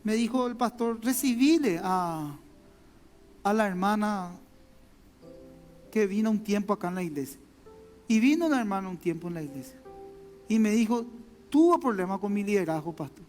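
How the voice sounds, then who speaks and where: A man's voice: high voice, animated, moderate pace, long pauses, darkish tone. Paraguayan pastor guy preaching, chatty storytelling, long church echo, faint music behind. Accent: Paraguayan Spanish. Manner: conversational, repeats words, addresses listeners directly. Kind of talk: sermon with personal stories. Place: church sanctuary.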